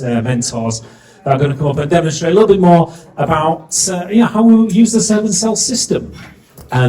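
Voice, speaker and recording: A middle-aged man with a Yorkshire accent hosts a live event from the stage, bantering with the audience, cracking jokes and quizzing the crowd. His slightly high voice has a dark tone, and the recording quality is low.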